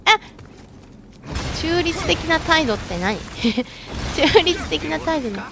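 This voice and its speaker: A woman streaming a game with excitable let's-play commentary, shrieking and chatting with self-mocking asides. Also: high voice, takes it slowly, gravelly.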